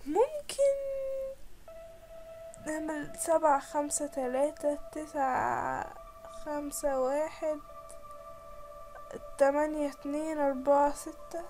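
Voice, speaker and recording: A woman with an Egyptian Arabic accent talks through a horror game in her very high voice. She is jumpy and panicky, with sudden shrieks and giggles. Loud game music plays behind her. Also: expressive, slow pace, long pauses. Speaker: gamer playing a horror game. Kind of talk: let's play commentary.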